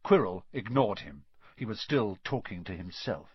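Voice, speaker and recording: Male storyteller, husky and animated, dry lo-fi read. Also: fairly low pitch, moderate pace, no echo. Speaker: audiobook narrator. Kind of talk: scripted narration. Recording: dull lo-fi dry recording.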